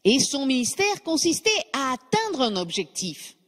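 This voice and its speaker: A woman's voice: sits high, very animated, normal speed, fairly bright tone. Woman interpreting a sermon phrase by phrase. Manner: follows the preacher phrase by phrase, with some hesitant fillers. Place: church hall. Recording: reverberant church hall.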